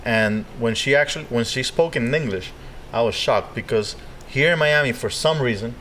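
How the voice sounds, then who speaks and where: A man's voice: mid-range voice, normal speed, a bit bright, a little hiss or hum. A man hosting a casual podcast interview, rambling with frequent restarts and "you know". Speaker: podcast host. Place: nightclub.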